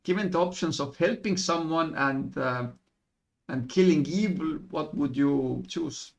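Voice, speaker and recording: Man, tabletop player, voice call, hesitant, thinking aloud, raised pitch, gravelly. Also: measured pace. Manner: hesitant, weighs options aloud. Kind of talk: casual in-character debate over voice chat.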